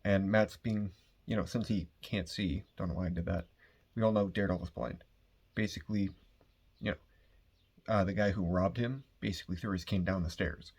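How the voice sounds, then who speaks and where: A man's voice: low voice, fairly even intonation, moderate pace, darkish tone, breathy edge. A man casually recapping a comic book's plot, rambling with lots of fillers and the odd swear word. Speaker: comic book reviewer.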